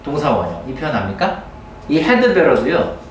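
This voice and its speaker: A male teacher giving a grammar lecture to a class, often checking in with quick questions. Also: fairly high pitch, huge pitch swings, a little hiss or hum. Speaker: English teacher. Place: classroom with students. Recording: roomy classroom, mic at a distance.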